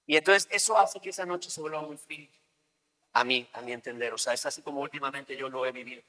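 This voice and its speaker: A man's voice: mid-range voice, fast, bright, forceful tone. A man preaching a sermon as pastor, talking conversationally and acting out everyday scenes. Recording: long reverb of a large hall.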